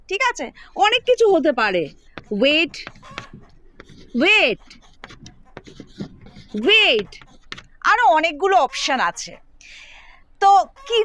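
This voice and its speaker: A woman's voice: very high-pitched, fairly bright tone. A woman with a Bengali accent teaching children English spelling, patiently sounding out words step by step. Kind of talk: explaining spelling rules to children.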